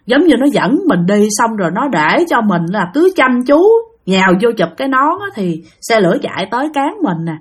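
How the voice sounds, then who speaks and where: A man's voice: high-pitched, sing-song, normal speed, few pauses, slightly rough, full character voice. A woman voicing an older male farmer with a Southern Vietnamese accent, exclaiming in bewilderment. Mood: bewildered.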